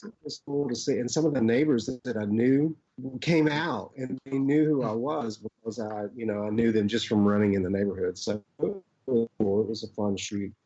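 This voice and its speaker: Mellow, husky man with an Arkansas accent. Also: mid-range voice. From Arkansas, United States. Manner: rambling, halting storytelling. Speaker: actor, podcast guest. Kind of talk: casual reminiscing in an interview. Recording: dull, lo-fi audio.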